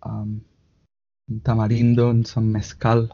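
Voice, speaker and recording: A man with a Spanish accent, a native Catalan speaker, talks as a guest in halting phrases, restarting often and adding little tag questions. His voice is mellow and soft-edged. The sound comes through a dull, muffled video call. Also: medium pitch, monotone. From Spain. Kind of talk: casual interview chat.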